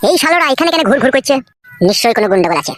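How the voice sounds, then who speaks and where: A woman's voice: high voice, very animated, rapid-fire, over music. A woman voicing a crude scheming young son-in-law. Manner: sulky, crude. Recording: clear background noise.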